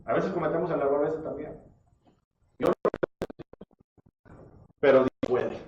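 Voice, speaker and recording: A man's voice: fairly high pitch, a little slow, darkish tone. A man preaching a sermon, often asking his listeners rhetorical questions and calling them brother. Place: church hall. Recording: echoey church audio from far off, dull and slightly noisy.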